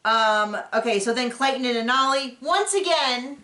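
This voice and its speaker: A podcast host recaps a reality show in casual, rambling chat, often acting out what others said. Her voice sits high and comes across as animated, pushed and bright at normal speed, with a roomy echo in the recording.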